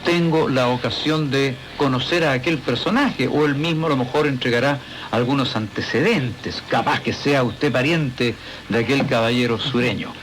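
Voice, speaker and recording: A man's voice: mid-range voice, normal speed, a bit bright, a little hiss or hum, poor audio. A man hosting a radio talk show, interviewing a guest in a rambling, conversational way with many asides. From Chile.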